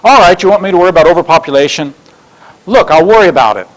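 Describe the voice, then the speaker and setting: A fretful cartoon boy with a high, eager, swooping voice, as a man reads him out. He sounds anxious and keen to please, and his pitch jumps around. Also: expressive, racing, poor audio.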